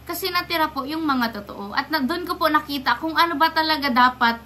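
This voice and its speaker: Indignant young woman with a bright voice. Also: high voice, brisk. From Philippines. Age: young adult. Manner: indignant, confrontational, many rhetorical questions; polite yet defiant. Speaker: vlogger. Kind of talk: direct-to-camera rant.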